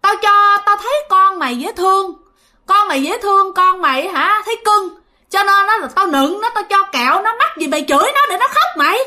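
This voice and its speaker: A woman voicing a scolding old ghost woman in a ghost story, talking in a high shrill tone. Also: expressive, fairly quick, sharp tone, full character voice.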